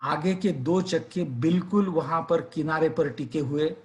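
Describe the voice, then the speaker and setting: A man's voice: fairly high pitch, unhurried. A male teacher telling a suspenseful story, then earnestly urging students to revise. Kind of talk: storytelling and motivational advice to students.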